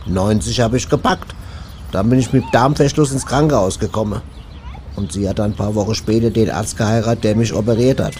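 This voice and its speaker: Stammering, deadpan comedian. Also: male voice, fairly low pitch, brisk, a little hiss or hum. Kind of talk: comedy sketch banter.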